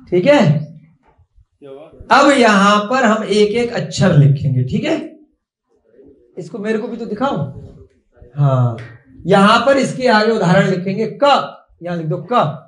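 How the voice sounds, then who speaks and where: A man with a notably high voice teaches a class at an unhurried pace. He repeats points and keeps quizzing his students. The sound carries a strong echo from the room. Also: sing-song, a bit bright.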